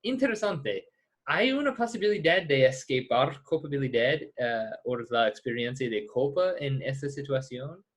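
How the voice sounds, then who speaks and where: A man from the United States, a native English speaker teaching a class discussion in American-accented Spanish, halting as he searches for words. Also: mid-range voice, lively intonation. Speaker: ethics teacher. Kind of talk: lecture discussion with students.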